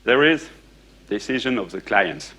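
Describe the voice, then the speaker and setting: Lecturing at a conference in English, a male speaker who grew up speaking French talks in fits and starts, restarting sentences and using lots of "uh" and "eh," and periodically asks the audience questions. His fairly low voice is animated, with a sharp tone and a breathy edge.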